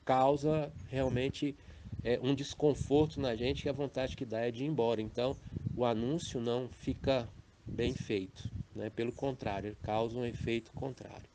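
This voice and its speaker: A man with a Brazilian Portuguese accent giving a recorded teaching on preaching, measured and explanatory, often tagging his phrases with a questioning "né" or "tá". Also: mid-range voice, fairly even intonation, noisy background. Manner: measured, explanatory, with frequent "né" and "tá" tags. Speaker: preacher teaching a formation course. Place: home recording for a messaging app.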